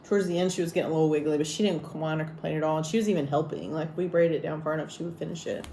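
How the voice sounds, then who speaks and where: A woman's voice: deep voice, fairly even intonation, very fast, dark tone, a little hiss or hum. A woman vlogging in casual chat, rambling and teasing as she talks about her day. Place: hotel room abroad.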